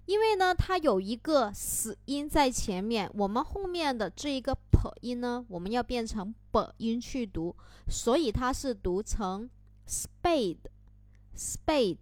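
A woman teaching an English vocabulary lesson in a slow, explanatory way, spelling words out letter by letter. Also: a little high, animated, no echo.

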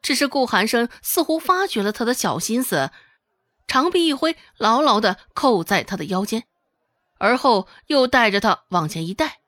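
A woman narrating a serialized novel in an expressive storytelling manner. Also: on the high side, moderate pace, dry recording. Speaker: audiobook narrator.

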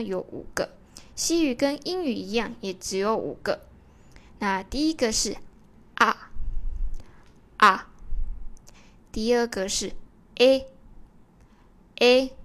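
A woman who teaches pronunciation in a casual online lesson, friendly and chatty, ending her lines with soft particles. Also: a little high.

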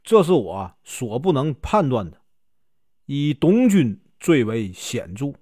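A man's voice: medium pitch, sing-song, slow pace, warm tone, slightly rough, dry recording, studio quality, heavily acted. A man doing a solemn old doctor. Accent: Northeastern Mandarin. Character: grave old male doctor, cautious and solemn.

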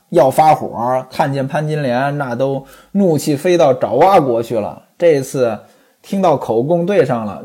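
A woman telling a traditional story aloud, lively and speaking directly to her listeners. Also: rumbling low, breathy edge.

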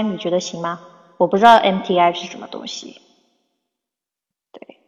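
A woman English teacher talking bluntly in a casual livestream Q&A, reading out viewer questions and scolding a little. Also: mid-range voice. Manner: reads viewer questions aloud. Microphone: phone. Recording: dull lo-fi phone livestream with long reverb.

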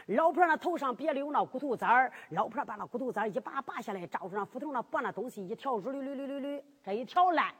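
Woman storyteller, drum-ballad narration, very lively, long reverb. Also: sits high, fast talker, hardly any pauses, breathy edge.

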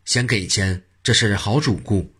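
A man voicing a joking, mischievous old monk in a spoken storybook, with a husky, low voice and a teasing, playful manner. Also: unhurried, bright, forceful tone, heavily acted.

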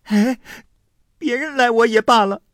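Male reader voicing a high, sharp young maid, indignant and quick; dry recording. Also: expressive, no echo. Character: sharp-tongued young maid, defiant and cornered.

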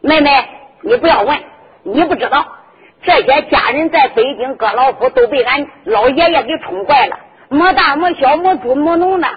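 A woman's voice: high-pitched, lively intonation, normal speed. A woman playing a proud scolding noble lady. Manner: sharp, scolding. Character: proud hot-tempered young noble lady. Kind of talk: traditional sung storytelling with dialogue. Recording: dull lo-fi with music behind.

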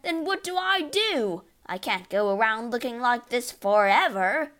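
A woman voicing a blustering, indignant middle-aged father in a storybook, shouting in outrage and panic. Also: on the low side, sing-song, unhurried. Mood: panicky.

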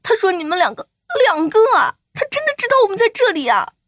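A man voicing a timid female teacher who panics, in a shrill high falsetto, frantic and close to tears. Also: wildly swooping pitch, fast, sharp tone, dry recording, full character voice. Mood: panicked.

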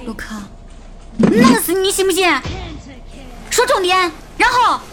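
A woman's voice: sits high, animated, over loud music. A woman playing a fiery colleague. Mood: exasperated. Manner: exasperated, quick-tempered. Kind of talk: fan audio drama acting.

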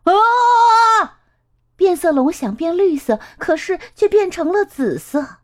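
A woman reading a children's story aloud, slow and expressive in a sing-song way. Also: very high voice.

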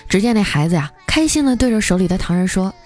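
A woman host telling scripted comic stories in a playful, lively way. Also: mid-range voice, quick pace, faint music behind. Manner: lively, playful, often laughing through punchlines. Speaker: radio comedy host.

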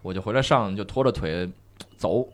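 A young man, a guest on a podcast, telling his own stories in a soft, relaxed way with many small restarts. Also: lowish voice, moderate pace. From China. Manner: soft-spoken, relaxed storytelling with frequent restarts. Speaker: guest, police officer. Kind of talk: casual podcast chat.

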